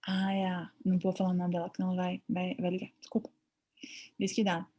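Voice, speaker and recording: A woman's voice: lowish voice, monotone, brisk, mellow. A woman with a Brazilian Portuguese accent giving a chatty online veterinary ultrasound lecture, often acting out her own thoughts.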